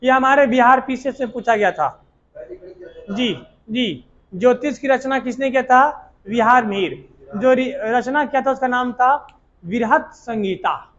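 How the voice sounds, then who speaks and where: A man's voice: extremely high pitch, measured pace, a bit bright, lo-fi sound. A male teacher, giving a classroom lecture and drilling students with repeated questions and answers. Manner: repetitive call-and-response drilling.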